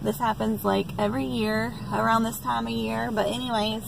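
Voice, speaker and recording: Young woman vlogging from her car, gravelly, rambling, heavy road noise. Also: on the high side, level tone, normal speed. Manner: chatty, rambling, upbeat, many fillers. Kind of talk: casual chat to camera.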